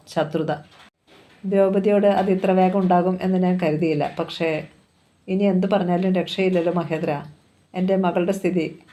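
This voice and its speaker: A woman reading the part of a worried, gentle aging father, using her own soft voice. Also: sits high, close to an everyday voice.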